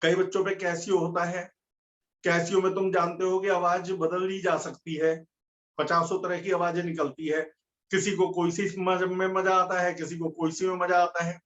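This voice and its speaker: A man's voice: high voice, level tone, moderate pace, a bit bright. A man teaching a physics class, explaining step by step and asking his students questions. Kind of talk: classroom lecture. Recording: dull lo-fi recording.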